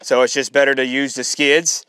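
A man's voice: medium pitch, flat delivery, moderate pace, sharp tone, smooth, dry recording. A man working on a concrete crew, explaining the job in a plain, matter-of-fact way outdoors on a building site. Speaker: concrete worker.

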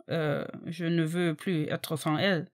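A woman's voice: low voice, flat delivery, a little slow, pitched below the performer's own voice. A woman reading a storybook, voicing a Frenchman with a French accent who halts and searches for his words. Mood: kind, halting. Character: hesitant Frenchman, warm fiancé.

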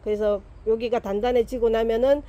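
A woman's voice: fairly high pitch, fairly even intonation, fairly quick, dark tone. A middle-aged woman who runs a plant farm, casually teaching plant care in a chatty way, repeating her points and talking to the plants.

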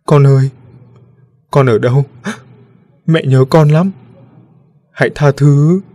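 Guy putting on a weeping ghost mom from a spooky storybook, high and pleading, loud and sobbing as she calls for her lost son. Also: flat delivery, a little fast, lightly acted. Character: grieving ghostly young mother searching for her son. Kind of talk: storybook reading.

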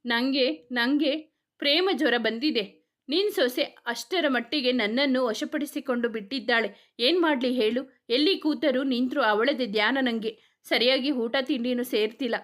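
A woman's voice: high voice, a little slow, a bit bright. A woman voicing a sheepish, lovesick young man who whines dramatically in a spoken story.

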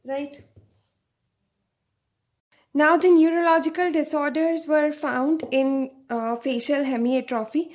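A young woman gives a medical lecture in a high voice. She speaks slowly and explains things step by step, often stopping to check with a "right?". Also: steady tone, darkish tone.

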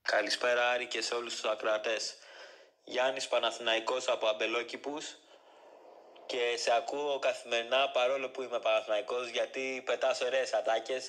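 A man's voice: medium pitch, fairly bright tone. Teasing male guest caller. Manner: teasing and boastful. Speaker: guest caller, rival fan. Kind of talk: casual chat.

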